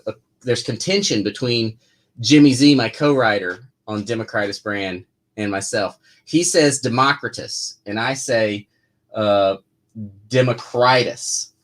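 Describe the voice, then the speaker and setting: A man's voice: mid-range voice, a bit bright. A man who writes comics, answering viewer questions in a casual live chat, rambling with lots of fillers and restarts.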